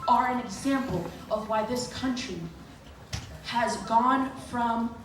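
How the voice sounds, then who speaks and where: A woman's voice: fairly high pitch, takes it slowly, music in the background. A young adult woman from Miami giving a public comment at a board meeting, earnest and pointed, with frequent fillers. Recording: echoey hall, from far off, noisy.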